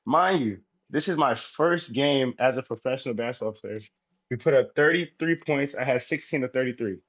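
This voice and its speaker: An easygoing man talks in a relaxed, rambling way, leaning on fillers as he goes. His voice sits in a middling pitch. The sound is a little muffled and lo-fi. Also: normal speed. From United States. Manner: relaxed, rambling, many fillers like "you know". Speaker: guest, professional basketball player. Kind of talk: casual interview talk.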